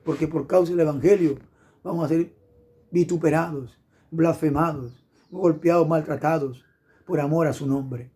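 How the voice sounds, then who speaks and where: A man's voice: a little high, fairly even intonation, moderate pace, mellow, breathy edge. A middle-aged man preaching an impassioned sermon, fervent and repetitive, punctuated with hallelujahs.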